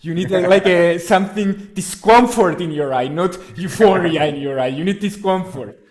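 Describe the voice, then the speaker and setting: Animated, crude-talking male podcast host. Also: sits high, normal speed. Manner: rambling, crude, animated when joking. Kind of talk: casual chat.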